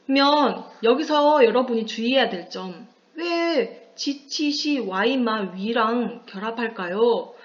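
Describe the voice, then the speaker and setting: Female teacher, slow deliberate lecture, asks and answers her own questions, muffled lo-fi recording. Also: on the high side, fairly bright tone. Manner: patient, asks the class questions and answers them herself. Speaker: high school Chinese teacher. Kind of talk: classroom lecture on pinyin.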